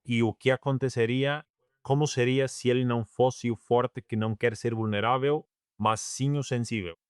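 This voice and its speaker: A man's voice: mid-range voice, fairly even intonation, moderate pace, smooth, dry recording, clean studio sound. A man hosting a podcast, reflecting aloud and asking thoughtful follow-up questions. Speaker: podcast host. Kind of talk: podcast conversation.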